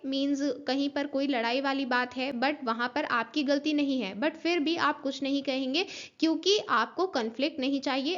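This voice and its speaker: A woman with a high voice teaches an online class, working through each point step by step. She spells words out letter by letter and stops to ask whether her students are following. The recording is dull and lo-fi. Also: fairly bright tone. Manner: explains step by step, spells out letters, checks in with "understood?". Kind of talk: online class lecture mixing Hindi and English.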